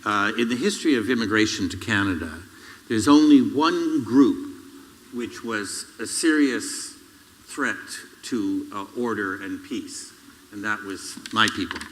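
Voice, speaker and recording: Low, bright-edged male moderator, dry wit, echo of a big hall. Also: a little slow, a little hiss or hum. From Northern Ireland background. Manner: wry, lecturing with dry jokes. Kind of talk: public panel discussion. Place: public event hall. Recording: reverberant hall.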